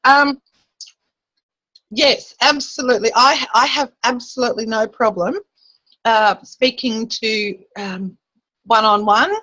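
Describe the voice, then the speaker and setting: A woman's voice: a little high, slow, pauses often, bright, forceful tone, no echo, low-quality recording. Hesitant woman on a dry call. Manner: hesitant, with many fillers and restarts. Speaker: caller asking a question. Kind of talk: casual chat on a call.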